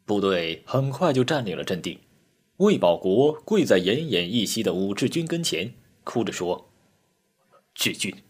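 Man, husky voice, low-pitched, animated pitch, dramatic story narration. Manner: expressive, voices the characters.

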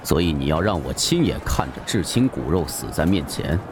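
A man voicing a stern, cold emperor in an audiobook, speaking in a low, grim, commanding way. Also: sing-song, a little fast, background noise.

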